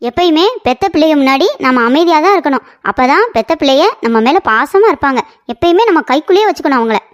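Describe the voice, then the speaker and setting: A woman's voice: high-pitched, animated, fast, faint music behind. A woman narrating a cartoon comedy story in a chatty style.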